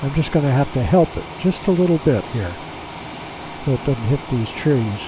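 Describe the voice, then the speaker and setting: A man talks through a pilot's cockpit headset mic, his voice sitting at a middling pitch. He thinks aloud in an easygoing, folksy way as he flies. Steady engine hum runs clearly underneath. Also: normal speed. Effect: pilot cockpit headset sound. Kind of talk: casual running commentary while flying. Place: aircraft cockpit in flight.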